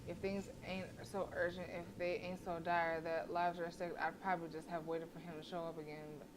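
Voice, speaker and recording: Crowd noise runs under this noisy livestream microphone as a woman plays a horror visual novel and reads its text aloud. Her pitch is fairly low and her delivery flat and a little fast. She stays casual, tripping over words and fixing them.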